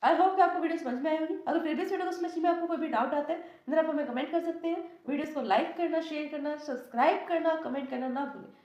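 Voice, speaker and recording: A woman's voice: high voice, fast, few pauses, darkish tone, roomy sound, highs cut off. A woman lecturing as a teacher with an Indian English accent, explaining step by step and asking and answering her own questions. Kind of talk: classroom lecture.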